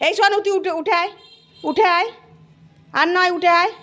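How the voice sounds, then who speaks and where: A woman's voice: very high-pitched, normal speed, bright, forceful tone, soft background music. A woman at home talking casually to her pet dog, playfully scolding and coaxing it over and over. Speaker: pet owner.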